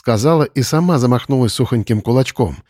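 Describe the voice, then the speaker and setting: In a steady, measured storytelling manner, a man narrates an audiobook from a script. His voice is mid-range, and the recording is studio quality with no room sound.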